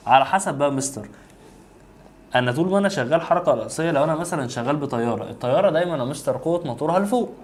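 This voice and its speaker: A man with an Egyptian accent teaching a physics review lesson, reasoning aloud step by step and addressing the student directly. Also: on the high side. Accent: Egyptian Arabic.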